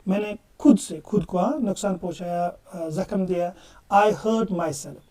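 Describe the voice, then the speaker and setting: A man's voice: high voice, dark tone. Male grammar teacher, lecture style, emphatic, distant mic. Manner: emphatic, calls students "beta", mixes English examples into Hindi. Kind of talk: classroom lecture.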